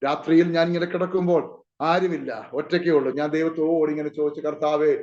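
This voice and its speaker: A man's voice: on the high side, steady tone, brisk, a little mellow, echoey room. A male pastor preaching an emotional personal testimony, calling out to his listeners again and again. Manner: emotional, calls out to the congregation often. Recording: muffled lo-fi recording.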